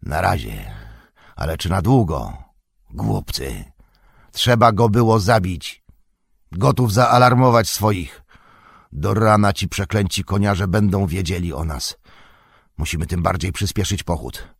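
A man voicing a brutal, commanding orc chieftain in an audiobook, with a hoarse, rasping voice and a threatening way of barking orders. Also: low-pitched, animated, a little slow, long pauses, no echo, studio quality, full character voice. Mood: snarling.

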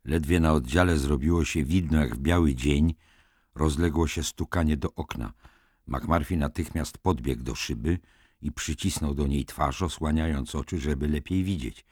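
Very deep-voiced male narrator. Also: normal speed, a little mellow, no echo, clean studio sound. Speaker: audiobook narrator. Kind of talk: scripted narration.

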